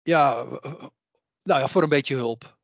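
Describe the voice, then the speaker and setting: A man's voice: mid-range voice, slow pace, vocal fry, no echo. A man who works as a psychic medium, talking as a podcast guest in an earnest way, often repeating himself to drive a point home. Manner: earnest, repeats phrases while making a point. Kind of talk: casual podcast conversation. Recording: dull, muffled audio.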